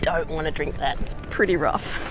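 An Australian woman chats casually outdoors, slangy and relaxed, in a mid-pitched voice. Faint music sits underneath her talk. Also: fairly quick. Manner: chatty, slangy and relaxed, with easy laughs. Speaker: hiking vlogger. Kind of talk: casual how-to chat.

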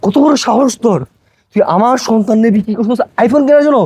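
A man playing a frantic village father, very high voice. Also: quick pace, no echo. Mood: furious. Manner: shouting, accusing, pleading. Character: distraught village father, home after long away. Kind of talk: amateur short film drama.

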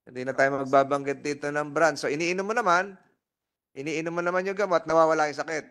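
A man's voice: fairly high pitch, fast, fairly bright tone. A man chairing a hearing, probing a witness and repeating and rephrasing his questions. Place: legislative hearing room.

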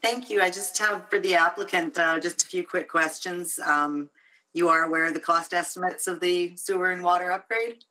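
A woman's voice: fairly low pitch, steady tone, moderate pace, pushed and bright, poor audio. A woman city councillor asking an applicant direct questions at a public hearing.

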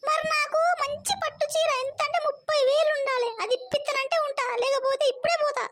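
A quarrelsome cartoon wife, voiced by a woman, who scolds in a shrill, squeaky Telangana Telugu voice. She fires off taunts at a brisk clip. Faint noise sits under the voice. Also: little pitch movement, a bit bright. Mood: scolding. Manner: scolding, nagging, rapid-fire taunts. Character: sharp-tongued young wife, quarrelsome and demanding. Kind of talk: cartoon comedy voice acting.

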